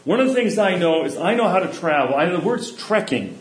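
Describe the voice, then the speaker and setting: A middle-aged man giving a sermon, telling stories in a relaxed, conversational way. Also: high-pitched, brisk, slight background noise. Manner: anecdotal, conversational storytelling. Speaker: preacher. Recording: echoey room.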